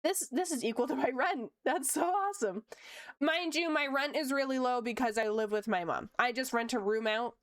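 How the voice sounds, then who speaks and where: This Ontario streamer and VTuber, a woman in her late 20s, talks casually from her home room as she draws on stream. Her high-pitched, slightly bright voice moves at a moderate pace with no echo. She stays cheerful throughout, laughing frequently and leaning on fillers.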